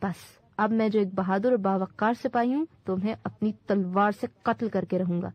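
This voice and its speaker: A woman's voice: medium pitch, fairly even intonation, dry recording, close to an everyday voice. A woman voicing a grown male soldier who speaks with passion and dignity. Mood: defiant. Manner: passionate, proud. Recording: dull dry recording.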